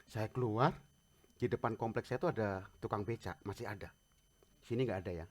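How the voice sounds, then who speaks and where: A man preaching a sermon as pastor, telling humorous personal stories in an animated way. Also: lowish voice, fairly quick, breathy edge.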